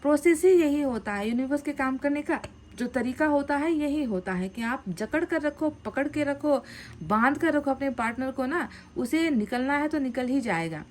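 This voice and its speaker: A woman giving a casual tarot card reading, animated and repeating phrases for emphasis. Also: sits high, moderate pace.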